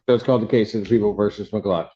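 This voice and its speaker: A man presiding as judge, captured on a courtroom recording, firm and quick to cut in with "hold on.". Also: lowish voice, steady tone, mellow, a little hiss or hum. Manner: firm, interrupts with repeated "hold on". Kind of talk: presiding over court hearings. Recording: dull courtroom audio recording.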